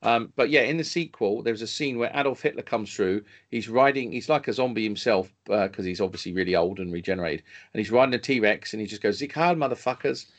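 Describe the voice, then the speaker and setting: A man's voice: on the low side, fast. A man co-hosting a film podcast, talking casually and enthusiastically, often restarting his sentences. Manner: enthusiastic, stumbling over restarts. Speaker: podcast co-host reviewing films. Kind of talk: casual chat.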